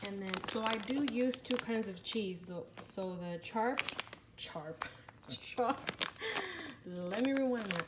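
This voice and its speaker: In her home kitchen, a cooking vlogger walks through a recipe at a slow pace in a mid-range voice, chatting and correcting herself while she cooks. The casual tutorial is shot on a handheld phone camera and carries heavy background noise.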